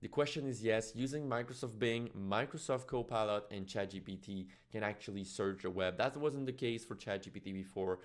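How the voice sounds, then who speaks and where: A man's voice: lowish voice, brisk, few pauses. A man with a French Canadian accent, a native French speaker, giving an explanatory tutorial as a trainer in an informal way, often checking in with "right?". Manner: informal teaching with frequent "right?" check-ins. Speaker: software trainer and tutorial presenter.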